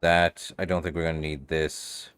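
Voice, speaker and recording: Low-voiced male game streamer, offhand. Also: little pitch movement, moderate pace, a bit bright, smooth. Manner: offhand, muttering reactions to self. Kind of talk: casual let's-play commentary.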